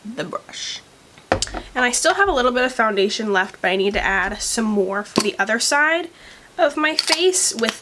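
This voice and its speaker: Casting: woman beauty vlogger, chatty, a little high, slight morning roughness. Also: fairly bright tone. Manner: chatty, with frequent likes and ums. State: morning voice, coughing. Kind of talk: casual makeup review vlog. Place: at home, later by a window.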